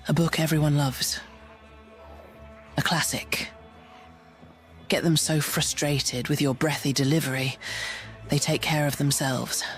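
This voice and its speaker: A man putting on a breathy, teasing voice during a game stream, talking in a playful, mock-suggestive way. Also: fairly high pitch, fairly even intonation, a little slow, long pauses, a bit bright, faint music behind, voice pushed up.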